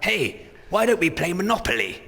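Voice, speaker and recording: Man putting on a high, croaky granny, lively and eager, echoey room. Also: moderate pace, full character voice. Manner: croaky put-on old-lady voice. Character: eager old woman in a retirement home.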